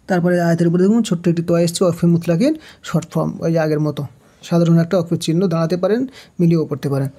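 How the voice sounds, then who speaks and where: Mellow-voiced man teaching Quran reading. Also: a little high. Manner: drills letter by letter, asks and answers his own questions; stretches chanted recitation of verses. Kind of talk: step-by-step Quran reading lesson.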